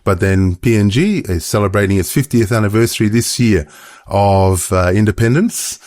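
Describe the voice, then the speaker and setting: A man with a slight Papua New Guinean accent, answering interview questions thoughtfully, with pauses and fillers between quick bursts. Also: lowish voice, a little mellow, dry recording, clean studio sound. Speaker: guest.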